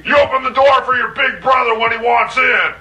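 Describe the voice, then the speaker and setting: A man voicing a boozy, bullying biker big brother in a prank call, crude and swaggering, with a gravelly voice. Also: very high-pitched, fairly even intonation, brisk. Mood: bullying rage. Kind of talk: prank phone call character comedy. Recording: noisy, clicking phone line.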